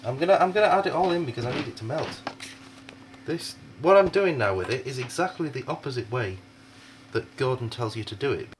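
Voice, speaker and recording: A man's voice: mid-range voice, lively intonation, a little fast, slight background noise. A young man, cooking on camera and grumbling in bemused, exasperated chat. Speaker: amateur cook.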